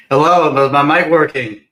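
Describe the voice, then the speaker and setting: A man's voice: on the high side, unhurried, sharp tone. A man producing a podcast, speaking casually through the wrong mic so he sounds hollow and tinny, as if inside a tin can. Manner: easygoing, fixing his mic setup mid-show. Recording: distant, hollow, tinny web-call mic.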